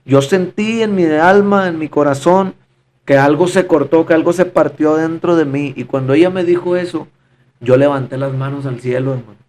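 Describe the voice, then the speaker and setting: A man's voice: fairly high pitch, moderate pace, darkish tone, a little hiss or hum. A man giving a fervent, repetitive personal testimony in conversation, often calling his listener brother. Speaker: podcast guest giving testimony.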